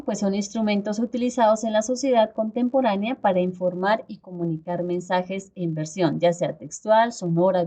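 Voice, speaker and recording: Instructor, female, warm low-toned delivery, explanatory video-call lecture with frequent check-ins.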